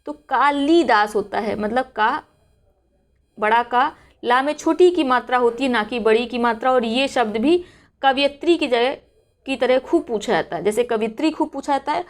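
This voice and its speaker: A woman teacher with a somewhat high voice runs a spelling drill for exam students. She keeps asking "what is it then?" and answers it herself, saying each word slowly and clearly. Her tone stays patient and steady. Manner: repeats questions and drills words aloud. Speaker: Hindi exam-prep teacher.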